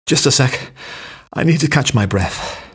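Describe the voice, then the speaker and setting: A man with a mid-range, breathy-edged voice reads short everyday phrases for learners, expressive and unhurried. Each stand-alone sentence gets its own acted intonation.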